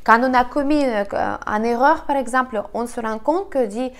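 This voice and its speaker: Her nose a little stuffed from a cold, a woman who consults on feng shui and BaZi astrology talks through the month's forecast alone. She pitches on the high side and stumbles along, leaning on fillers and frequently correcting herself.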